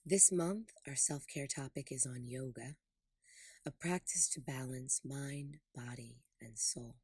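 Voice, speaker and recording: A podcast host and meditation guide leads a guided meditation in a low, breathy, darkish voice, using short, deliberate, soothing phrases. The recording is close and dry, with no room sound or echo.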